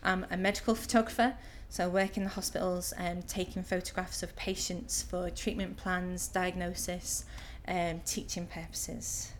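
Hesitant Liverpool woman, slightly low voice. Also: flat delivery, moderate pace, hardly any pauses, slight background noise. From Liverpool, England. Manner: hesitant, many filler ums. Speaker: interviewee. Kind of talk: casual interview answers.

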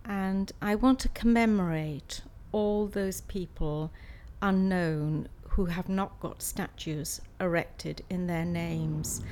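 A woman's voice: lowish voice, a little mellow, a little hiss or hum. A woman, answering interview questions conversationally and somewhat hesitantly. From Swansea, South Wales. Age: 60s. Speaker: interviewee, art student and practising artist.

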